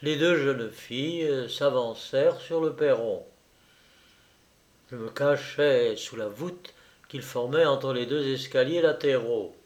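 Slow, measured male narrator. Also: mid-range voice. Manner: measured, deliberate reading. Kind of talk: audiobook narration of a classic novel.

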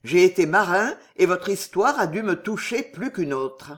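Man playing a rich mysterious count, commanding and fervent, highish voice, audiobook. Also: big pitch swings, normal speed, a bit bright. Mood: eager. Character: wealthy, mysterious male count, intense and generous.

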